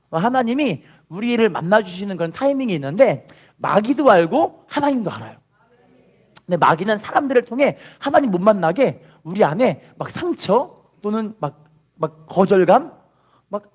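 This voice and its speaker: A man preaching a sermon as pastor, animated, asking the congregation to repeat after him and shouting at the peaks. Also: high-pitched.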